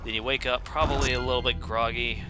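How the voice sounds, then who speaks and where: A man hosting a let's play, giving relaxed, offhand gameplay commentary. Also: mid-range voice, quick pace. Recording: voice over game music.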